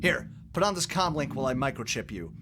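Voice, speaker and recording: In an amateur audio drama, a man voices an eccentric, lonely mad scientist who is also a loyal friend, sounding brisk and upbeat, excitable, and halting when he confides something. His voice sits in the mid-range, and the background is noisy.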